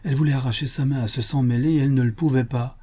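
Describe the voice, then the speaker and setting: Male audiobook narrator, dark mellow tone, steady storytelling. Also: medium pitch, rapid-fire, husky. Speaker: audiobook reader.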